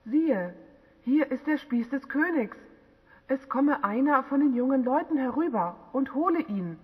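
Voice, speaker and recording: A woman's voice: sits high, lively intonation, a little slow, husky, voice pushed up, full character voice. A woman reading the lines of a young male warrior in an audiobook, earnest and pleading. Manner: earnest pleading read-aloud dialogue. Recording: dull lo-fi with long reverb.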